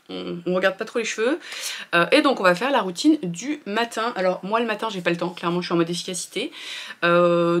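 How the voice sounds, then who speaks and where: A woman's voice: mid-range voice, a bit bright. A woman, chatting casually through her skincare routine in a candid, rambling way with lots of fillers. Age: 30s. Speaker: beauty vlogger.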